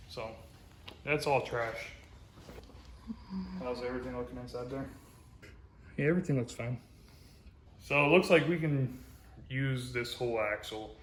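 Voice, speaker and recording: Relaxed man explaining in an echoey garage. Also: medium pitch, moderate pace, pauses often, a little hiss or hum. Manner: relaxed, explains steps as he works. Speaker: co-host working on a truck axle. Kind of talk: casual shop talk. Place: garage workshop.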